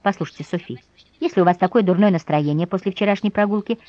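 A woman's voice: on the low side, fast, mellow, muffled recording, lightly acted. A woman voicing a bossy noblewoman who lectures in an indignant tone.

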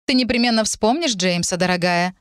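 A woman voicing a middle-aged mother who runs a bakery, brisk and protective, talking in a reassuring way. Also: medium pitch, smooth, no echo, studio quality, voice pushed up, lightly acted.

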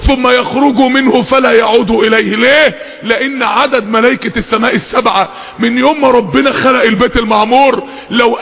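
A man with an Egyptian accent preaching an impassioned sermon, switching between rapid talk and loud, drawn-out recited verses. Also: very high voice, creaky. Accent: Egyptian Arabic. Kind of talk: impassioned Friday-style sermon. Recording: long echoing hall reverb.

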